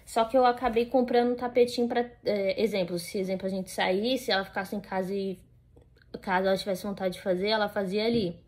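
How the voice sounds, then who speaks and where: A woman's voice: medium pitch, steady tone, a little fast, darkish tone. A young woman with a Brazilian Portuguese accent, chatting casually to the camera at home. She rambles, with many fillers and restarts. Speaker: vlogger.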